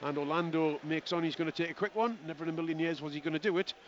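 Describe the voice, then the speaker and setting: A man giving live play-by-play radio commentary on a rugby match, with rapid running calls and chatty asides to his co-commentator. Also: fairly high pitch. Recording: lo-fi broadcast with outdoor crowd noise.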